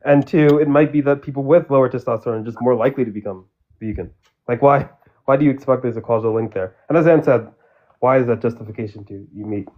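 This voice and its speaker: A man's voice: mid-range voice, fast. A man on a voice call, pressing his questions in an online debate, his voice muffled as if heard through a wall. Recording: muffled, tinny call audio.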